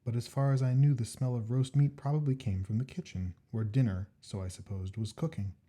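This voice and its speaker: A man with a medium-pitched voice reads a classic ghost story aloud as scripted narration. As the story reader, he is measured and expressive, phrasing each line deliberately.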